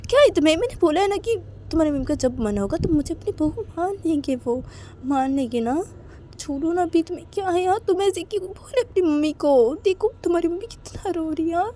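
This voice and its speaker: A woman's voice: mid-range voice, animated, moderate pace, mellow, a little hiss or hum, lightly acted. A woman voicing a caring young woman who urgently pleads and insists. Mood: pleading.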